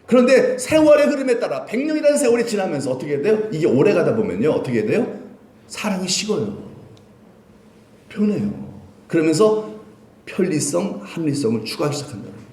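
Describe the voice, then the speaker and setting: Male pastor, sermon, fairly high voice, asks and answers his own questions, echoey church sanctuary. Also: big pitch swings, fairly quick. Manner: swings between loud emphasis and quiet low lines.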